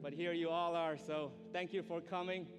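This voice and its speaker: A young man from Myanmar, whose first language is one of the country's languages, preaches to students in English as a guest preacher. He is polite, earnest and conversational, with a fairly high voice, fairly even intonation and normal speed. He's on a large indoor auditorium stage, the hall reverberates, and music plays in the background.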